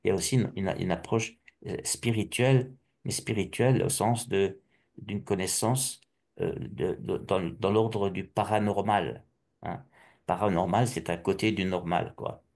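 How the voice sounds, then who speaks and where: A middle-aged man from Alsace giving a personal testimony, halting and restarting often with repeated words. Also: deep voice, steady tone, a little mellow. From Alsace, France.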